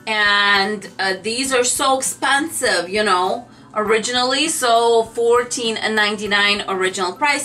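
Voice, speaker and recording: A woman's voice: fairly high pitch, sharp tone. A woman craft vlogger chatting casually to camera about her shopping haul, gushing and talking straight to her viewers. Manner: gushing, chatty, addresses viewers as "you guys".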